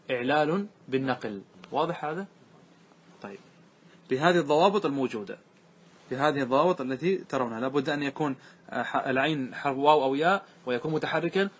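A man teaching a classroom grammar lesson, slowly repeating word forms and often checking that his students follow. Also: a little high, a bit bright, slightly rough. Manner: asks students frequent check questions; repeats words slowly to show their forms.

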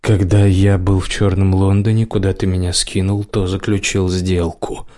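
Man doing a cold calm sorcerer, low even voice, slow and measured. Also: close to an everyday voice.

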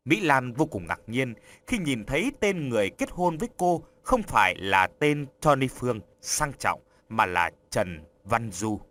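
A man reading an audiobook story aloud in an expressive storytelling manner. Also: medium pitch, measured pace, hardly any pauses. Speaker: narrator. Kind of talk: scripted audiobook narration.

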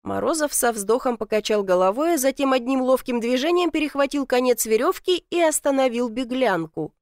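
A woman narrating a first-person audiobook in a lively, expressive storytelling manner. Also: high-pitched, brisk, dry recording, studio quality.

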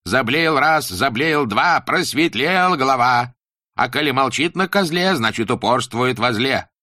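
A man's voice: medium pitch, animated, pushed and bright, no echo, studio quality, voice pushed up. Man doing a pompous rhyming schoolmaster. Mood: gloating. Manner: rhyming sing-song preaching, slow and emphatic. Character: stern pompous old-time male schoolmaster.

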